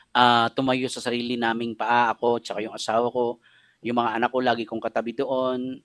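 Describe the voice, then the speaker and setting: In a clean, dry studio recording, a middle-aged pastor with a Filipino accent and a mid-range voice delivers a radio sermon. He shares a personal story with feeling, blending Tagalog and English.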